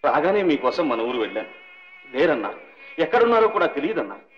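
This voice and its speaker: A man's voice: mid-range voice, big pitch swings, quick pace, lightly acted. An actor playing a young male doctor, earnest and reverent toward the old man who paid for his studies, in a film melodrama. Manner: earnest, reverent, calls out in anguish. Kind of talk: 1960s Telugu film melodrama. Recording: dull old film soundtrack with faint music.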